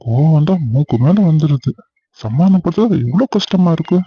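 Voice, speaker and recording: A man's voice: fairly high pitch, lively intonation, fairly quick, a little hiss or hum. A young man acting a husband who argues, then coaxes his wife on a phone call. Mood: coaxing. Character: defensive young husband, later apologetic. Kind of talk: acted phone-call drama. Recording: slightly dull lo-fi sound.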